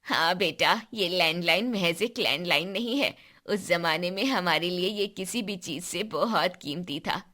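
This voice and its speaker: A woman voicing an elderly grandfather, a former soldier, who talks slowly and fondly in a cartoon story. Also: on the low side. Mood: nostalgic. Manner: slow, fond, scolding then gentle.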